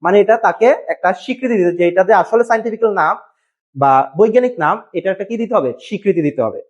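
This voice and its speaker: A man with a high voice teaches a biology class at a board. He asks his students questions and answers them himself, spelling out terms letter by letter. The recording is dull and lo-fi. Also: lively intonation, very fast. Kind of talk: classroom lesson.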